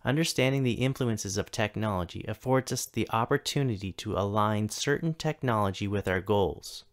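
The speaker, a man in his thirties who serves as a tech coordinator, delivers a prepared keynote for a virtual event from home or an office. Taking his time in a slightly low voice, he reads deliberately and breaks up each list with pauses.

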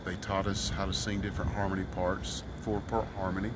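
Middle-aged man from Mississippi, street musician, earnest and rambling; outdoor city park recording with clear street noise. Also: sits low, level tone, brisk. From Mississippi, US South. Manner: earnest, rambling, many fillers. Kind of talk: casual street interview.

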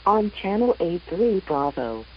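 A woman reading a marine weather forecast in a measured, even announcer delivery over a VHF marine radio broadcast. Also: medium pitch, lo-fi sound, a little hiss or hum.

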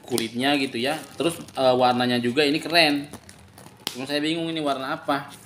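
A young man giving an informal, repetitive and emphatic sales pitch, drawing out key words as he sells. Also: fairly even intonation, fairly quick, a bit bright. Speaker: online bag seller. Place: large tiled living room, indoors. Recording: echoey room, some background noise.

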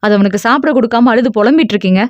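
A woman voicing a firm elder brother in an audio novel who scolds and then calms his family. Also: on the high side, racing, no room sound, muffled recording, natural voice. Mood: placating.

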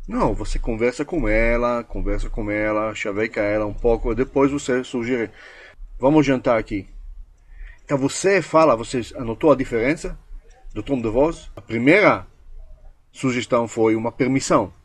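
A man's voice: medium pitch, normal speed, slightly rough, no echo. A man teaching a course, speaking emphatically in a coaching manner and acting out short example dialogues. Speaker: language course instructor. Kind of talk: instructional talk.

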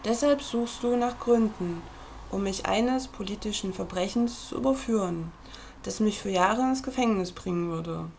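Gravelly-voiced woman reading a book aloud. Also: medium pitch, a little mellow, a little hiss or hum. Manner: measured, earnest address to the listener. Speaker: reader.

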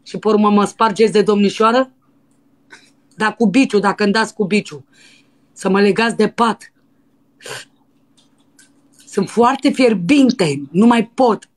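A woman putting on a brazen, lustful young dancer in a prank phone call, pushy and breathy. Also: mid-range voice, long pauses, lightly acted. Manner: pushy and breathy, with crude demands. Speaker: prank caller.

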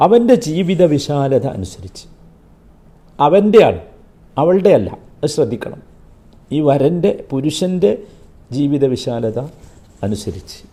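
A man teaching a Quran commentary class, keeps asking his listeners rhetorical questions and recites Arabic slowly and carefully. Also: fairly high pitch, warm tone.

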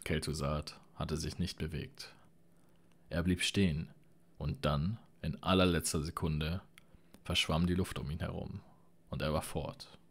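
Audiobook narrator, male, very deep voice, steady measured reading. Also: husky.

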